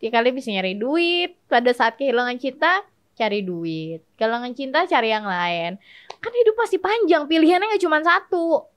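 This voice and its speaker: A woman's voice: high voice, lively intonation, normal speed. A young woman hosting a casual comedic advice talk, chatty and playful, laughing often as she tells stories. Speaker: host.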